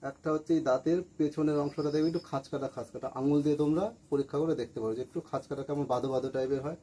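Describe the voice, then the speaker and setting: A male teacher leads a classroom-style lesson in a fairly high, mellow voice. He repeats key words and asks questions, then answers them himself. A faint noise sits under the recording. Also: fairly even intonation, very fast, poor audio. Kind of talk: classroom lesson for school students. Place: room with a board.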